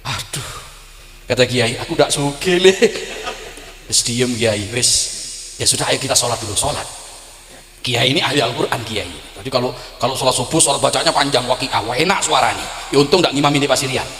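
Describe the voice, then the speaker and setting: A man's voice: medium pitch, a little fast. A man preaching a sermon, telling stories with blunt jokes and acting out the people in them. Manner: animated storytelling, acts out quoted characters, blunt jokes. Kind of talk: sermon at a religious gathering. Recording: echoey hall with long reverb.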